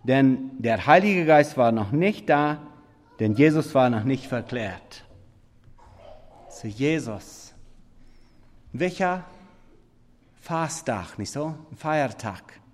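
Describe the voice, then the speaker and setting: A man's voice: mid-range voice, lively intonation, slow, pauses often. Man preaching in a reverberant hall. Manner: swings from loud emphatic scripture reading to quiet murmured asides. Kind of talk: sermon. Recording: long reverb of a big hall.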